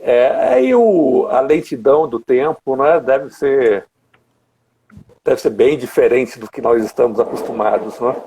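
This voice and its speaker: Um homem com sotaque brasileiro conduzindo uma conversa informal, refletindo em voz alta com hesitações. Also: male voice, medium pitch, animated, a little slow, dark tone, a little hiss or hum. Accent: Brazilian. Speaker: interviewer. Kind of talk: casual conversation.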